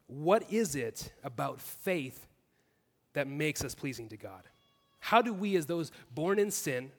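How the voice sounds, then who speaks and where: A man's voice: a little high, in a large hall. A man preaching a sermon as pastor, earnest, building his points in repeated clauses. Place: church.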